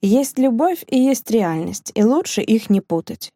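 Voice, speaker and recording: Sir John, a woman doing a cynical gentleman. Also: on the high side, very animated, no room sound, studio quality, heavily acted. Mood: sardonic. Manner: mocking, slow and weighty. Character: gruff, cynical older gentleman. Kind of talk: audiobook character reading.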